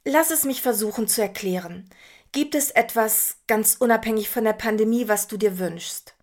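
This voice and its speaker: A woman reading the lines of a gentle, patient Jesus in a soft, calm, reassuring way. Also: on the high side, normal speed, natural voice. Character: gentle patient grown man, calm and kind.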